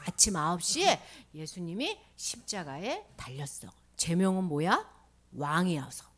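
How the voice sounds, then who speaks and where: A woman telling a Bible story to children in an animated way, often dropping to a whisper. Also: on the low side, a little slow. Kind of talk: children's sermon.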